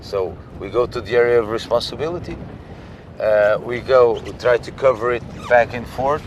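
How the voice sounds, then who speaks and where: Police officer talking on a noisy boat. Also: male voice, medium pitch, normal speed. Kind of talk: on-location interview. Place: patrol boat on the water, outdoors. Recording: distant mic with loud boat and wind noise.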